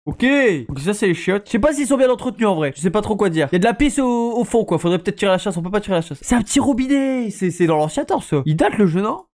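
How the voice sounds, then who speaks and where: A man's voice: sits high, lively intonation, fast, hardly any pauses, a little mellow. A man with a congested, nasal voice from a cold, chatting casually to his stream audience while playing a horror game. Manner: chatty, addresses chat as "les gars". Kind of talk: casual gaming commentary.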